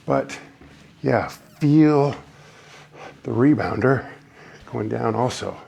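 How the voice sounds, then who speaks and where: A man's voice: medium pitch, slow, vocal fry, mellow, slightly rough. A man leading a beginner trampoline workout, giving encouraging cues and getting out of breath as he bounces. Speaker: fitness instructor. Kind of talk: guided workout instruction.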